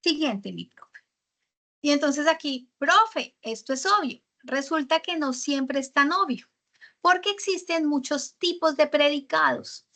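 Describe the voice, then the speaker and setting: A woman leads a writing workshop lesson. Her voice sits high and sounds bright and clear. She walks through grammar with example sentences, pausing on fillers and checking in with her students. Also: animated. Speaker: teacher.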